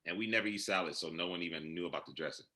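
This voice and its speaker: A man's voice: low voice, racing, bright, forceful tone. A man playing a teasing, opinionated sports reporter in a comedy play reading over a video call. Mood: chatty.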